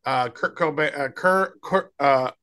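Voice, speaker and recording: A man's voice: fairly high pitch, measured pace, pushed and bright. A man co-hosting a podcast, chatting loosely as he demos tools, often trailing off and restarting. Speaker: podcast co-host. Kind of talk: casual chat demoing tools.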